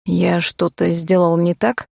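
A woman voicing a blunt, teasing young man in an audiobook, speaking low and unhurried. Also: completely flat delivery, creaky, a little mellow, breathy edge, no room sound, clean studio sound, full character voice. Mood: smug.

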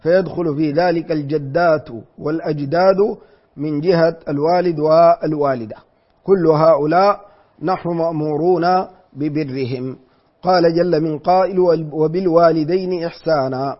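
A man teaching Quran exegesis in a deliberate lecture, repeating phrases and reciting verses slowly. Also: fairly high pitch, steady tone. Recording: dull lo-fi recording.

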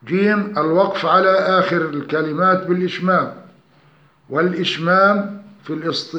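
In an echoing room captured on a dull, lo-fi recording, a man with a slightly high voice teaches recitation rules. His lesson is calm, methodical and structured point by point, and he slows when reciting examples.

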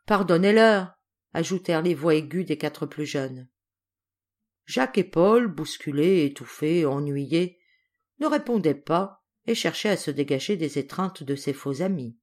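A woman reading a children's classic aloud as an audiobook narrator, with expressive storybook narration. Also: deep voice, unhurried. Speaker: audiobook reader.

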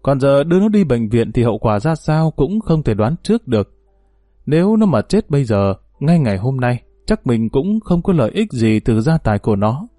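A man's voice: mid-range voice, very animated, normal speed, dark tone, no room sound, studio quality, natural voice. A man voicing a harsh, bullying older mother-in-law who scolds and threatens. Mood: scheming.

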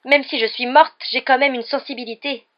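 A woman's voice: on the high side, quick pace, highs cut off, voice pushed up, lightly acted. A woman voicing a whiny, touchy ghost schoolgirl who wails and sobs in self-pity. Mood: wailing. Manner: wailing, sobbing and self-pitying.

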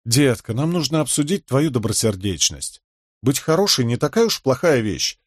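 A man's voice: medium pitch, very animated, normal speed, slightly rough, no room sound, studio quality. A man reading an audiobook, voicing a worldly con woman who teases and instructs her young pupil. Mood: teasing. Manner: wry, instructive. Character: worldly older woman con artist, teasing and wry.

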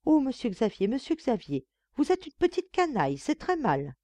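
A woman's voice: fairly high pitch, wildly swooping pitch, normal speed, mellow, dry recording, pitched above the performer's own voice. A woman voicing a coy, teasing young chambermaid who pleads lightly and feigns shock.

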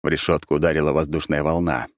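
A man narrating an audiobook in first person with an expressive, animated reading. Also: extremely low pitch, fast talker, dry recording, clean studio sound.

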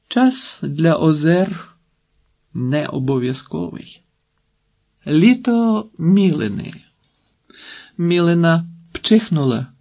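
A man reading a literary audiobook in a calm, measured narrating voice. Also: mid-range voice.

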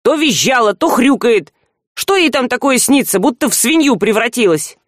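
A woman reading an audiobook voices a surly, rude young man in a lowered, drawling, sneering tone. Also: animated, normal speed, no room sound, clean studio sound, lightly acted.

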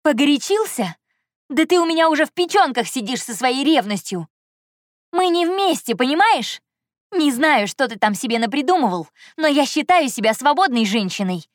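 A woman voicing a heated, high-pitched young woman. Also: big pitch swings, moderate pace, no echo, studio quality. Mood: shouting. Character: flustered furious young woman, sharp-tongued. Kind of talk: audiobook reading.

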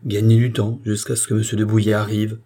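A man voicing a grieving nobleman who speaks softly and gravely, in a mellow, husky voice. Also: on the low side, monotone, fairly quick. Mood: urgent. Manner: soft, subdued. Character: grieving noble count, gentle and sorrowful.

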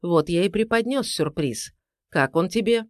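A narrator doing a calm, mocking man. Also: sits high, normal speed, dry recording, studio quality. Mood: cold. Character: calm, confident man holding a woman captive.

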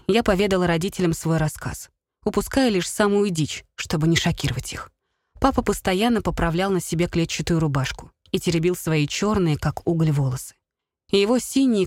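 A woman reading a first-person fantasy novel aloud with wry, lively storytelling. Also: on the low side, brisk, no echo, studio quality. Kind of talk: first-person audiobook narration.

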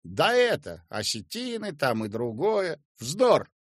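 A man voicing a curt, excitable male writer who brushes off every worry. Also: fairly high pitch, slow pace, dry recording, studio quality, full character voice. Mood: brash. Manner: curt, dismissive, brash. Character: gruff excitable male writer, loud and boastful.

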